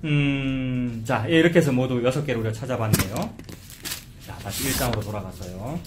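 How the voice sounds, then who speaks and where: A man's voice: mid-range voice, a little fast, background noise. A man preaching an expository sermon, talking in a conversational way and asking the congregation questions. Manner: acts out quoted complaints in a mocking dialect voice. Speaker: pastor. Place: church sanctuary. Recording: echoey church room, faint ambience.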